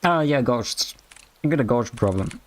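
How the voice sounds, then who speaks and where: A man's voice: mid-range voice, animated, moderate pace. Jokey man narrating a game. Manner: jokey, sarcastic asides. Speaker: game streamer. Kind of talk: let's-play narration and commentary.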